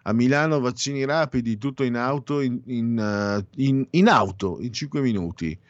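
A man hosting informal radio, reading out headlines haltingly with offhand asides. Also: mid-range voice, dry recording, muffled recording. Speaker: radio host.

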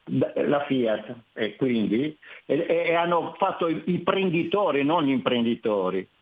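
A man's voice: mid-range voice, expressive, measured pace, husky. A man calling in to a radio talk show over the phone, talking hesitantly and stumbling over his words. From Genoa, Italy. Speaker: caller. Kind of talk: radio call-in. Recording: tinny phone line.

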